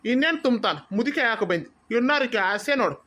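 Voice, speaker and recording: A scornful drunken husband from a cartoon, as a woman puts him on, taunting and sneering in a North Karnataka accent. The voice sits well below her own, gruff and mocking. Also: a little high, lively intonation, quick pace, fairly bright tone, a little hiss or hum, pitched below the performer's own voice. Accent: North Karnataka Kannada.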